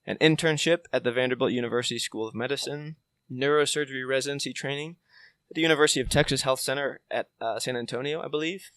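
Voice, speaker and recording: A man's voice: mid-range voice, quick pace, a bit bright, clear, resonant tone, no room sound. A man hosting a podcast, asking interview questions in a friendly, upbeat, self-deprecating way. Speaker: podcast host.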